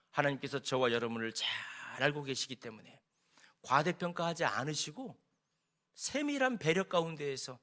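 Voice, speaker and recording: A man preaching a sermon as senior pastor in a church, with animated rising and falling emphasis. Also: fairly high pitch. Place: church sanctuary.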